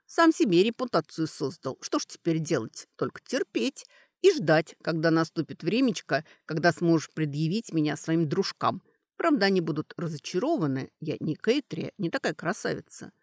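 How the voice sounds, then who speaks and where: A young woman in an audiobook, wry and a little unsure of herself, voiced by the narrator. Her thoughts come out musing, with a lively, rising and falling pitch. The sound is close and dry. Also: normal speed, no echo.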